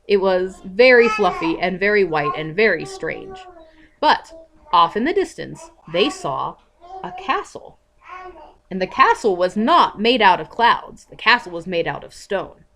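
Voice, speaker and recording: Slow, lively woman telling a children's story. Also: medium pitch. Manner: slow, expressive, asks the child questions. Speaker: parent telling a bedtime story.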